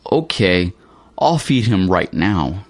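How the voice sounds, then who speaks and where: Man, low voice, slow and careful, plain delivery, dry close mic; reads learner dialogues. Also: very animated, no room sound. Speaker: dialogue reader for English learners. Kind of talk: slow scripted dialogue reading.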